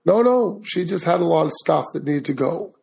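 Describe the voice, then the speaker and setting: A man's voice: fairly high pitch, lively intonation, normal speed, gravelly, a little mellow, breathy edge. A man co-hosting a podcast in casual, joshing, rambling chat. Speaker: podcast co-host.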